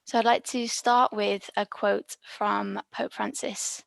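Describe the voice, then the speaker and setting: A woman from the Liverpool area leads a calm, measured reflection on a video call. Her voice is gravelly and quite flat in pitch, and sounds dry and close. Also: no room sound. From Liverpool area, England. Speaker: speaker leading a reflection. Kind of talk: prepared reflection.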